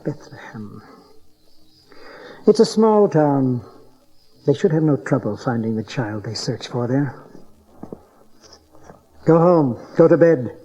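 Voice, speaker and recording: A man's voice: medium pitch, expressive, takes it slowly, pauses often, dark tone, breathy edge. An actor playing an old, scornful, scheming tyrant king in a dramatized audio Bible, with an imperious, sneering manner. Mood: cold scheming. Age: older. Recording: dull cassette tape transfer.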